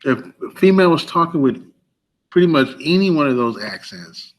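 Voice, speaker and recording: A man's voice: a little high, sing-song, normal speed, rough recording. A man chatting casually as a guest, playful and hesitant, with many fillers. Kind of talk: casual podcast chat.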